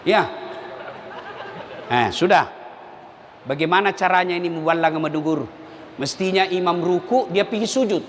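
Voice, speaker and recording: A man preaching a humorous sermon, animated and shouting questions to the crowd. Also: high-pitched, moderate pace, long pauses, slight background noise. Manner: animated, shouting call-and-response questions, mimicking voices. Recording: long hall reverb, faint ambience.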